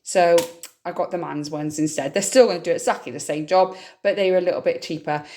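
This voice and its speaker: Recovering from a cold, a UK vlogger sounds a touch nasal and scratchy while chatting informally through a grocery haul and explaining her items. Her fairly low voice is warm in tone and brisk in pace.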